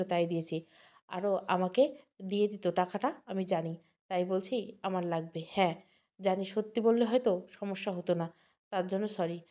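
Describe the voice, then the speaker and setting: A woman's voice: medium pitch, mellow, natural voice. Hurt young woman holding back tears, defiant, read by a woman. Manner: tearful, defiant.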